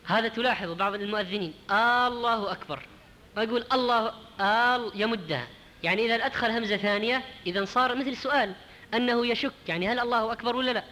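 Fast, bright-voiced male preacher in a hall. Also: very high voice, a little hiss or hum. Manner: explanatory, demonstrating pronunciation slowly. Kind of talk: religious lesson.

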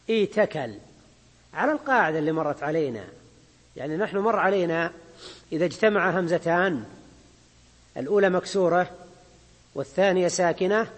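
A man teaching Arabic grammar in a measured way, explaining a text line by line and often checking in with his students. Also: high voice. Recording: long hall reverb.

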